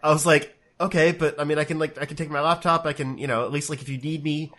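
A man co-hosts a casual online show from a home room over a webcam on a remote call. He's congested and sniffly from a cold, rambling with lots of fillers and restarts. His voice is a little high and a bit bright, with fairly even intonation and a fast pace.

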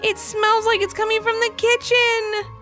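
A woman voicing a curious, excitable young girl in a children's story. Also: moderate pace, soft background music. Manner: high and eager.

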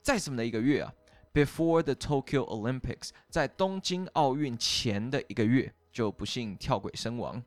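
Lively Taiwanese Mandarin-speaking young man. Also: mid-range voice, dry recording, soft background music. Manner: chatty, explains slowly step by step with fillers. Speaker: podcast co-host teaching English. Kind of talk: casual chat explaining English grammar.

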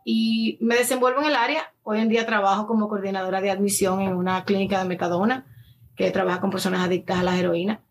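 She talks fast in a steady, mid-range voice, with a little background noise behind her. In her early thirties and from the Dominican Republic, this influencer and addiction counselor gives talkative, anecdotal interview answers in a Dominican Spanish accent. English words keep slipping into her casual speech.

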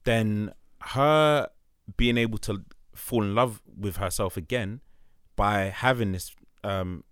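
A man's voice: on the low side, takes it slowly, clear, resonant tone, no echo, studio quality. A young man with an urban London roadman accent, co-hosting a podcast with casual, slangy, sweary banter. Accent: London, urban roadman slang style. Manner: slangy, sweary, animated reactions. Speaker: podcast co-host.

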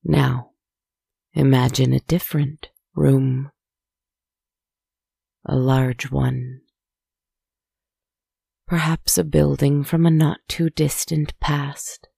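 A woman softly narrating a guided relaxation story in a hushed, soothing, spa-like manner, with deliberate, poetic phrasing. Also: very deep voice, fairly even intonation, vocal fry, breathy edge, no echo, clean studio sound.

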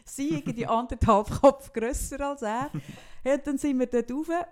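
Brief: young Swiss woman, podcast host, animated casual storyteller. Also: high voice, moderate pace. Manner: animated, quotes others in lively back-and-forth.

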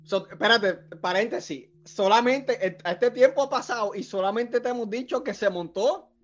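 A man's voice: extremely high pitch, moderate pace, highs cut off, faint music behind. A man co-hosting a podcast, breaking into a friend's story in casual chat to add his own side. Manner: interjects and takes over the telling. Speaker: podcast co-host.

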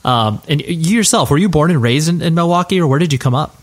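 A man's voice: a little high, lively intonation, quick pace. A man hosting a casual podcast interview, asking questions in a chatty, rambling way and affirming often with "right, right".

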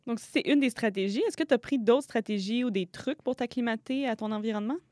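A woman's voice: a little high, fairly quick, a little mellow, dry recording, studio quality. A woman interviewer asking casual, encouraging follow-up questions.

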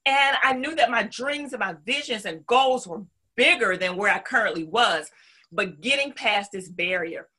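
A woman's voice: fairly high pitch, animated, normal speed, pushed and bright, slightly rough. A middle-aged woman with a Southern US accent, telling her story conversationally as an interview guest, emphatic and full of folksy asides. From North Carolina, southern United States.

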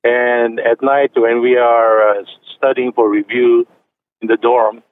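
Calling a radio program over the telephone, a man from China in his late seventies chats slowly, full of fillers and false starts. His voice is medium in pitch with little variation, and the tinny line carries slight background noise.

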